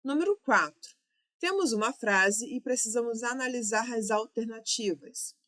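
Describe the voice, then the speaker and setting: With a bright, forceful tone and a fairly high pitch, a Brazilian Portuguese-accented woman teaches grammar for an exam at a moderate pace. She breaks it down step by step, correcting herself as she goes.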